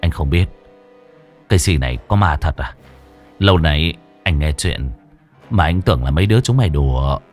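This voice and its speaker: A male narrator voicing a middle-aged taxi driver who speaks in a low, grave tone. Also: expressive, normal speed, long pauses, faint music behind. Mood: uneasy.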